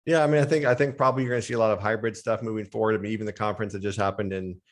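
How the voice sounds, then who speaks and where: A man's voice: fairly low pitch, steady tone, racing. An American man speaking as a podcast guest, explaining things fluently in casual conversation. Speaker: podcast guest, strength and conditioning coach. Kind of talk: casual interview chat.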